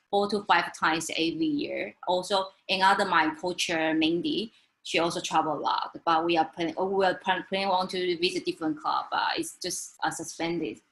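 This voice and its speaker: Halting woman presenting slides. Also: fairly low pitch, fairly bright tone, rough recording. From Taiwan. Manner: halting, many fillers and restarts. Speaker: webinar speaker.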